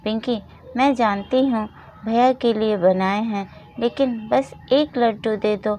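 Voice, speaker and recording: A woman voicing a meek little girl in a storybook reading, speaking softly and pleadingly. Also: a little high, measured pace, lightly acted. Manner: soft, pleading. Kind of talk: storybook narration with voiced roles.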